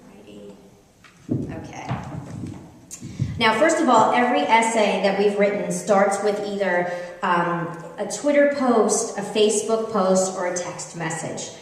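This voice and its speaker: A middle-aged American woman gives a live author reading at an event, speaking a little slowly in a medium-pitched, conversational and expressive voice suited to humorous storytelling. The room is very echoey with a long hall tail, and the distant microphone picks up slight background noise.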